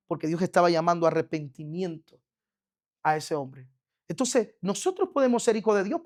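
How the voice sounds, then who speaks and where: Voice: mid-range voice, darkish tone. A woman preacher giving a fervent sermon, calling the listeners her brothers and having them repeat after her. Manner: fervent, addresses congregation as brothers.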